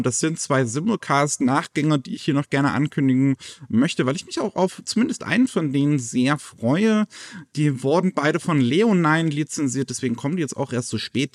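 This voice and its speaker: A man's voice: mid-range voice, no room sound, clean studio sound. Chatty man presenting anime news. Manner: relaxed, chatty, many fillers. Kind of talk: casual chat.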